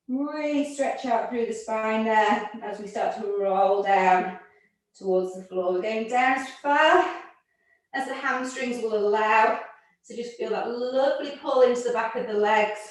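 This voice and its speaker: Breathless woman leading a barre class. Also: on the high side. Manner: counts reps and cues moves, gently encouraging. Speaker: fitness instructor. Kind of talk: exercise class instruction. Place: room with barre and mats. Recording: echoey room, voice from far off.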